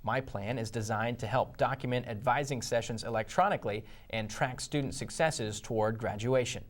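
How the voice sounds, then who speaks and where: American guy reading the news as an anchor, scripted delivery, middle of the road pitch. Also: normal speed.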